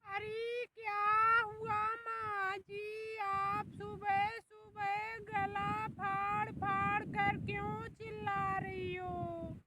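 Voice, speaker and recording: A woman's voice: very high voice, level tone, extremely slow, few pauses, exaggerated voice. A woman playing a snappish young daughter-in-law. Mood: irritated. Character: irritated young daughter-in-law, sharp-tongued. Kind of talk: comic short-film acting. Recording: loud background noise.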